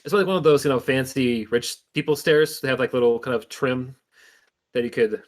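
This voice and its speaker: A man narrating a tabletop game as game master in an informal, halting storytelling way. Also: medium pitch.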